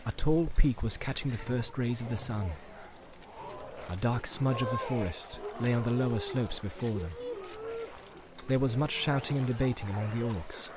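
A man reading a fantasy audiobook as narrator, in a measured, dramatic storytelling manner. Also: medium pitch, heavy background noise. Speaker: audiobook reader.

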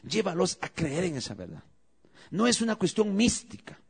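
A man's voice: high-pitched, huge pitch swings, normal speed, creaky, husky. A man preaching a sermon as pastor, calling out questions to the congregation and leading prayer with rising emphasis.

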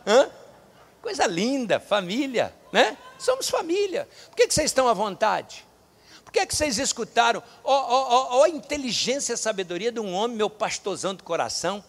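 Man in his sixties, high voice, folksy storytelling sermon, fervent. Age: 60s. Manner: folksy, joking, builds to fervent shouting. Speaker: pastor.

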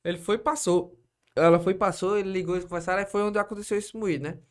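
A young man with a Brazilian Portuguese accent, guesting on a casual podcast. His voice sits slightly high for a man. He rambles through a long story, doubling back and dropping little verbal tags. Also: fast. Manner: rambling and lively, tags phrases with "né?" and "pô".

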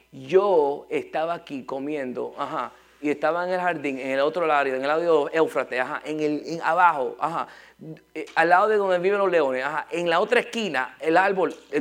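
A man voicing a talkative young wife who rambles on and keeps coaxing. She piles on fillers and little asides. He keeps close to his own gravelly, slightly high voice. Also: moderate pace, natural voice. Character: chatty young wife explaining herself.

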